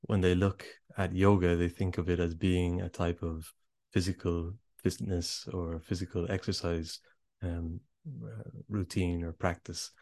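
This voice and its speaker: A man's voice: low voice, little pitch movement, unhurried, darkish tone, dry recording. A man, an author and yoga teacher, answering interview questions in a thoughtful, hesitant way.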